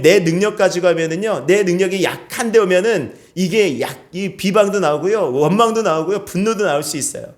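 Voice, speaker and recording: Male pastor, fairly high-pitched, preaching in church, keeps prompting the congregation with questions. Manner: asks the congregation questions and calls for amens. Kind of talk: sermon. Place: church sanctuary.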